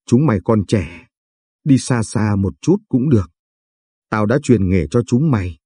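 A man doing an irate old father-in-law in an audio storybook, berating his family in fast, heated outbursts. The voice is low, dark and husky, with a dry, close sound. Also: animated, no echo. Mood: furious. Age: older. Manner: angry scolding, rapid tirades. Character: hot-tempered elderly father-in-law, scolding.

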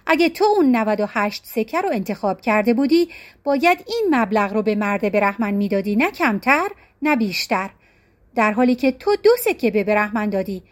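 A woman voicing a wise male ruler who gives judgment in a calm, measured way, in a storybook reading. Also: fairly high pitch. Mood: measured, firm. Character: stern wise male Indian ruler judging.

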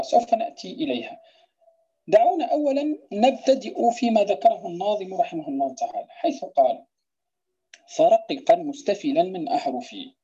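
A woman gives a recitation lesson, patiently explaining each rule and repeating example words slowly to show how they should sound. Her voice is mellow and somewhat husky. The recording is dull and lo-fi. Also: lowish voice. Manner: demonstrates pronunciations by repeating words slowly, asks "clear?". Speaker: Quran recitation teacher. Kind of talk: tajweed lesson explaining verse.

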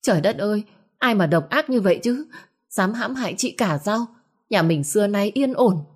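A woman voicing a sharp-tongued middle-aged third wife who scolds and places blame in a shrill voice. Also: lively intonation, moderate pace. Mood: alarmed.

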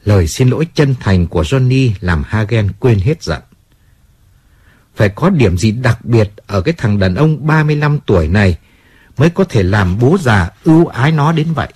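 A man narrating a novel as an audiobook reader, with an expressive storytelling manner. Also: mid-range voice, moderate pace, slightly rough.

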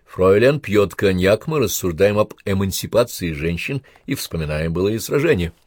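A man's voice: low-pitched, animated, moderate pace, a little mellow, breathy edge, no room sound. A man voicing a commanding German officer who speaks in a clipped, authoritative way. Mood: ironic, gentle.

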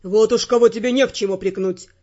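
A woman's voice: mid-range voice, fairly even intonation, quick pace, mellow, muffled recording, voice pushed down, lightly acted. A woman voicing a stern senior male spy who scolds harshly, in an audiobook reading. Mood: stern, angry.

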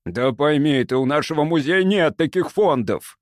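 A man voicing an excitable, grasping older male museum curator who shouts and argues indignantly. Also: fairly high pitch, moderate pace, dry recording, clean studio sound, pitched above the performer's own voice, natural voice. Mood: indignant, shouting.

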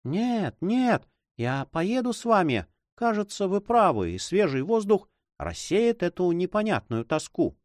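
A man's voice: high voice, big pitch swings, a little slow, no echo, studio quality, pitched above the performer's own voice. A man voicing a sad, stubborn young woman who pleads in a plaintive tone. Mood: pleading.

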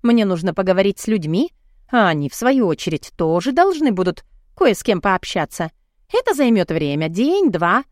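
A woman's voice: medium pitch, big pitch swings, normal speed, no room sound, clean studio sound, natural voice. A woman reading the part of an evasive middle-aged mother who placates her daughter, in an audiobook. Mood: irritated.

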